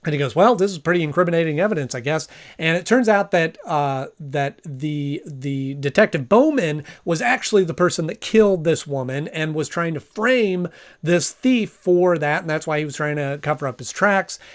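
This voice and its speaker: A man's voice: on the high side, lively intonation, normal speed. A man giving a casual, conversational review and recap as a reviewer.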